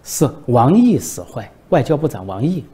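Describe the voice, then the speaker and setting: A man's voice: mid-range voice, big pitch swings, normal speed, dark tone, husky. Man doing a bumbling, blame-shifting party boss. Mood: evasive. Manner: stumbling over words, deflecting blame. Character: bumbling evasive male national party leader.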